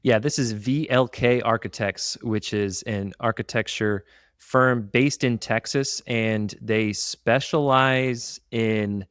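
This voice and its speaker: A man co-hosting a business podcast, explaining marketing examples in a steady, detailed, casual way. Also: mid-range voice, slow pace, clear, resonant tone, dry recording, clean studio sound. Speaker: podcast co-host.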